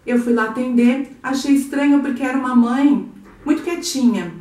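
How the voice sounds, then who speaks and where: A woman sharing a heartfelt personal testimony in a soft, earnest, unhurried way. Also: high-pitched. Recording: echoey room, mic a bit far.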